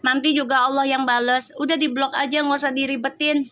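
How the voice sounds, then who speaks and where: A woman's voice: high voice, little pitch movement, brisk, fairly bright tone. A woman, chatting on a live stream and scolding viewer comments in a sassy, slangy way. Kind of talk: casual live-stream chat reading comments.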